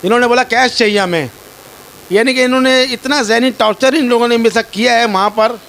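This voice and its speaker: A man's voice: extremely high pitch, a little fast, vocal fry, fairly bright tone. A man from Pakistan telling his ordeal to a reporter, distressed and pleading, often repeating himself. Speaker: complainant telling his story. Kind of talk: personal account to a reporter.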